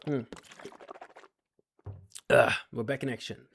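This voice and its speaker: Slow and steady, this man's mid-range voice carries vocal fry and a slightly rough edge. He's a day trader streaming casual commentary on his trades, losing his voice, talking in fits and starts, repeating himself and asking viewers if they're following.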